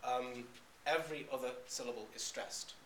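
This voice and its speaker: A man giving a classroom lecture, talking in a halting way with frequent "um"s and restarts. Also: mid-range voice, steady tone, a bit bright. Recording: echoey room recording.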